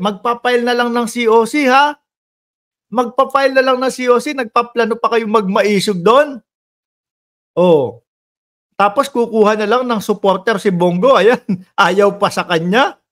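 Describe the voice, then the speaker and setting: A man giving casual, mocking political commentary, laughing often and jumping between loud chants and low asides.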